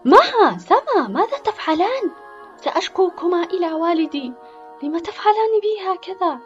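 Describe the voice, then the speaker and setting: Woman playing little seven-year-old girl, high cries. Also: animated, fast talker, soft background music, lightly acted. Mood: panicked. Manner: high, loud cries when frightened. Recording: dull lo-fi recording.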